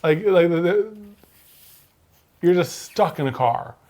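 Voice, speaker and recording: A man co-hosting a casual livestream chat, rambling with fillers and often clearing his throat. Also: sits high, lively intonation, slow, a little mellow. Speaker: co-host.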